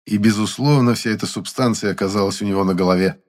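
A man's voice: fairly low pitch, fast, darkish tone. A man narrating an audiobook in the first person with a wry, ironic tone.

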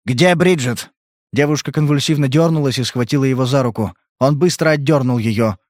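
Steady male audiobook narrator, mid-pitched, measured delivery, dry booth sound. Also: dry recording. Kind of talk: scripted narration.

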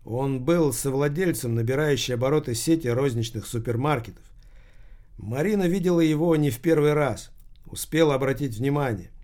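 A man narrating a crime novel audiobook in a steady, measured reading voice. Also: mid-range voice.

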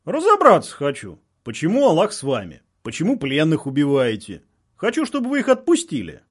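A man voicing a calm, mocking soldier who drawls through his nose. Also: on the high side, a little fast, husky, full character voice. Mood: drawling. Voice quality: nasal. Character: nasal, mocking male soldier on a loudspeaker.

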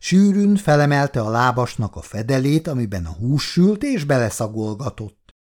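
A man reading a family story aloud in a low, measured narrating voice. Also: big pitch swings, darkish tone. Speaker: reader.

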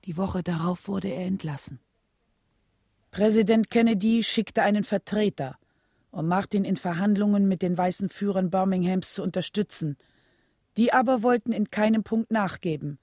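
An actress playing the earnest wife of a civil rights leader, looking back in measured, solemn radio drama narration. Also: female voice, mid-range voice, dark tone, no room sound, studio quality, natural voice.

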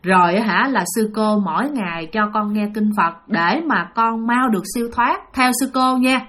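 Phụ nữ kể chuyện nhại sư cô dỗ dành. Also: female voice, medium pitch, normal speed, natural voice. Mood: coaxing. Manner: soft, coaxing, motherly. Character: gentle coaxing Buddhist nun.

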